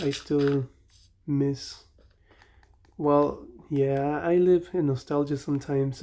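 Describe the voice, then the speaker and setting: Fairly high in pitch yet dark in tone, a young gaming channel host with a Mexican accent reminisces casually while playing. He rambles and keeps correcting himself partway through sentences.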